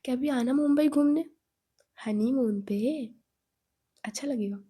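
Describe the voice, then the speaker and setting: A woman voicing a lively, outspoken young woman friend who talks in a chatty, emphatic way. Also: sits high, a little slow, husky.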